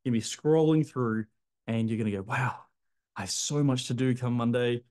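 A man in his thirties coaching clinic owners straight into the camera, punchy and emphatic, hands moving as he talks. His voice sits at a middle pitch with a dark, mellow tone. He is recorded close up in a bright room at home. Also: normal speed. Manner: energetic and emphatic, gestures a lot, addresses viewer as "my friend". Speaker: clinic business coach, video host. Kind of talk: direct-to-camera advice talk. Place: bright indoor apartment room by large windows.

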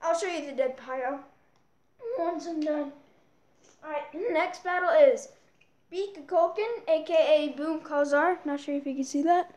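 A woman casually commenting on toy battles, excitable, yelping and correcting herself as she goes. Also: high voice, a little slow. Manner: excitable, with yelps and self-corrections. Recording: echoey room.

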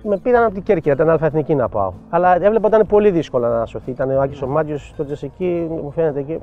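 Older male coach, raised voice, tells stories with quoted back-and-forth, dull lo-fi sound, faint music behind. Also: on the high side. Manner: animated anecdotal, acts out quoted dialogue. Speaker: football coach. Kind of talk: storytelling interview.

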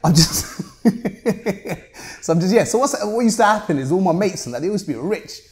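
Guesting on a podcast, a car rental business owner in his thirties from Luton, England chats casually in street-tough slang and a British urban roadman accent. He sits at a table in an indoor meeting room, and his high voice is animated at a moderate pace.

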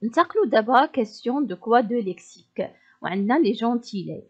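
Fast-talking Moroccan woman teacher. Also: fairly high pitch, expressive, breathy edge, muffled recording. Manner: explains step by step, repeats the answers, praises often. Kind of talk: exam prep lesson.

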